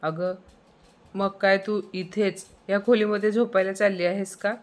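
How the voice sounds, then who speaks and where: A nervous young married woman, as a woman narrator plays her in a storybook tale. She sounds worried and pleading, her lowish voice lifted a little above the narration. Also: steady tone, moderate pace, close to an everyday voice. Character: anxious young married daughter.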